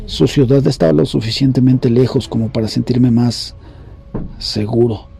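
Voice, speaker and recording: A man reading horror stories aloud in a grave, measured storytelling voice. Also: medium pitch, fairly even intonation, creaky, mellow, faint music behind. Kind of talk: scripted horror story narration.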